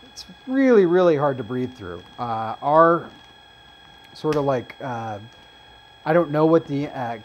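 A man's voice: medium pitch, sing-song, measured pace, muffled recording, slight background noise. A man hosting a casual review show, explaining test results as he goes with frequent fillers. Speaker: host reviewing face masks.

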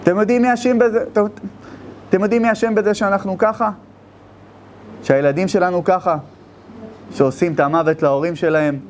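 A rabbi preaching a sermon, telling stories and firing rhetorical questions with passion. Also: male voice, high-pitched, steady tone, long pauses, a little hiss or hum.

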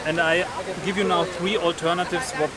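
A man's voice: sits high, little pitch movement, moderate pace. A man, a co-host quizzing tourists outdoors in a playful, jokey way. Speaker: co-host and quiz master. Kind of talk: street interviews, casual quiz. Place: busy city square outdoors. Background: loud crowd.

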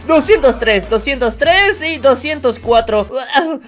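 A man narrates his gameplay for his channel. He talks in excitable bursts, yelling and laughing as things happen on screen. His commentary is quick and spontaneous. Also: very high voice. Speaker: gaming YouTuber.

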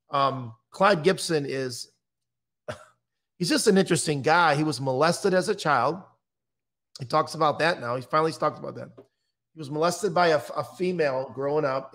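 Speaking into a boom-arm microphone from an indoor room on a video call, this middle-aged man from the United States is a guest on a podcast, where he's known as a true-crime interviewer and author. His voice is a little high and a bit bright, and his manner in the conversational interview is blunt and matter-of-fact.

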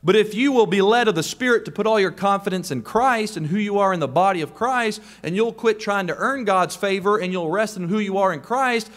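A man's voice: sits high, brisk, few pauses, fairly bright tone. A man preaching a sermon to a congregation, emphatic, often rising on pointed questions.

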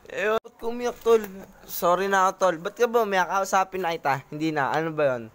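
In casual group vlog banter, a woman teases and badgers her friends with repeated questions and crude swearing. Her voice is fairly low and her pace normal.

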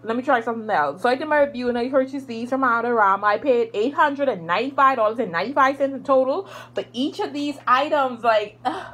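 A woman vlogger gushing over an unboxing in a casual, animated way, repeating excited exclamations. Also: a little high, quick pace, hardly any pauses.

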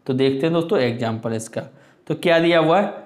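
A man teaching an exam-prep Hindi grammar lesson, explaining patiently and reading examples aloud slowly. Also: fairly high pitch, roomy sound. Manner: explains slowly, addresses viewers as friends, reads examples aloud.

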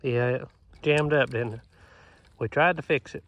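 A man's voice: mid-range voice, moderate pace, a bit bright. A man, talking casually through a walkthrough of his barn, easygoing and plainspoken with lots of "uh" fillers, recorded on a phone held at arm's length in an open wooden barn. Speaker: homesteader vlogger. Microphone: phone camera held at arm's length.

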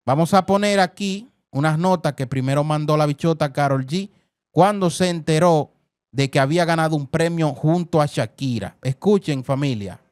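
An effusive man hosts a celebrity news segment, talking over clips and addressing viewers as family. His voice sits somewhat high for a man. The recording is close and dry, with no room sound. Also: normal speed, darkish tone, no echo. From Dominican Republic. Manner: effusive, repeats words, calls viewers "family". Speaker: entertainment news host.

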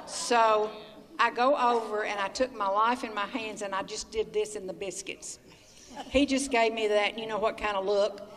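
A woman's voice: mid-range voice, a bit bright. An older woman telling chatty, folksy stories as an interview guest, laughing as she goes. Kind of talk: anecdotal storytelling. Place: community building hall. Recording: echoey hall, from far off.

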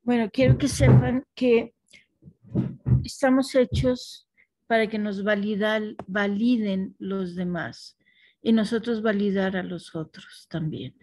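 A woman teaching a class, talking thoughtfully with restarts and soft affirmations to her students. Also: medium pitch, takes it slowly, no room sound.

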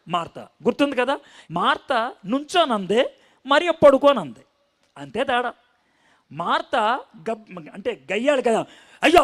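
A male preacher teaching from the Bible in an animated, storytelling way, often asking his listeners questions. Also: very high voice. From India.

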